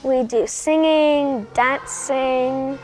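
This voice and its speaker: A young student guide, cheerfully reading scripted tour lines. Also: female voice, high voice, extremely slow.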